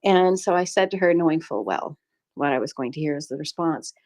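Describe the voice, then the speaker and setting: This low-pitched, brisk woman's voice has a slightly mellow quality. The speaker, a middle-aged Canadian who runs a small shop, tells a personal story with earnest reflection and lots of laughs during casual conversation on a live audio space.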